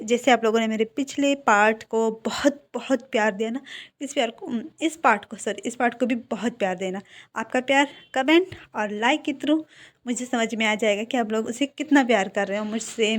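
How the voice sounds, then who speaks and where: A woman narrating a fan fiction story in a casual, chatty way, full of fillers. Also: fairly high pitch. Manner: chatty, filler-heavy retelling.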